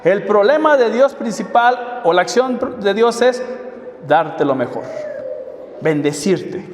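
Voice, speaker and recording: A man with a high-pitched voice preaches a sermon, firing rhetorical questions at the congregation. His voice rings through a large echoey hall with a long reverb, picked up from a distance. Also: lively intonation, takes it slowly, a little hiss or hum. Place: church hall.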